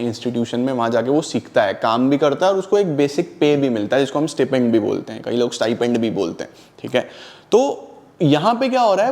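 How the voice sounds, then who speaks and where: Animated male commerce teacher, high-ish voice. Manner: animated, mixes English terms, asks and answers his own questions. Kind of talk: lively classroom lecture.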